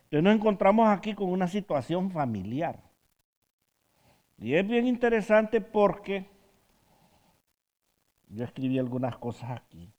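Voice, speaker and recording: Mujer que enseña en tono conversacional y animado. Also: female voice, on the low side, big pitch swings, unhurried, pauses often, darkish tone. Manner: asks the group questions, often adds a tag question at the end; tells stories from her own counseling work. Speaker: Bible study teacher. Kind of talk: conversational Bible study teaching.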